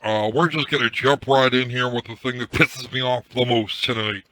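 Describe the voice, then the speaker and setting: A hoarse man ranting casually on a live stream through a headset mic, his voice run through a voice changer, irritated and swearing as he repeats himself. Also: medium pitch, fairly even intonation, normal speed, bright, forceful tone. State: hoarse from screaming. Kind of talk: ranting livestream commentary.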